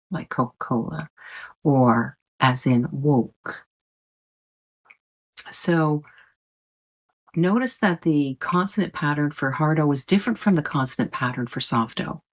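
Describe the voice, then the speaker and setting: A woman teaching English pronunciation in a patient, explanatory way, repeating points and stretching out vowel sounds to demonstrate them. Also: rumbling low. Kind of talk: slow explanatory lesson.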